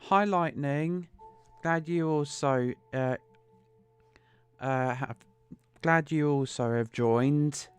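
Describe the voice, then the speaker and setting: A man's voice: on the high side, slow pace, clear, resonant tone. A man live-streaming a novel reading, chatting easily with viewers by name between passages. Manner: greets viewers by name, easygoing and amused. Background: soft suspense music.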